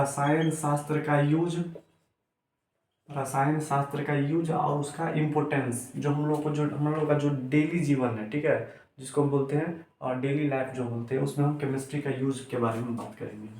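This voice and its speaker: A man teaching chemistry in a classroom lecture style, asking and answering his own questions and repeating key terms slowly. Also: on the high side, a little mellow. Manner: mixes English terms into explanation. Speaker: chemistry tutor. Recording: echoey room.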